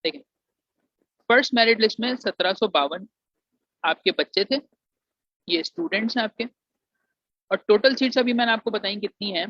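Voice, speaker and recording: A man's voice: high-pitched, moderate pace, pauses often, sharp tone, no echo. Man, admission advice lecture, English phrases mixed in, lo-fi dull audio. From Pakistan. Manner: mixes English phrases into Urdu, addresses students as "beta". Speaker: engineering alumnus giving admission advice. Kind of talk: informal explanatory lecture. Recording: dry, muffled lo-fi sound.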